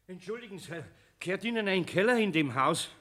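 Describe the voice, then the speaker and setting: An actor playing a flustered master carpenter, stammering in a Bavarian accent, in a radio play. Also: male voice, high voice, animated, brisk, a bit bright, long reverb tail.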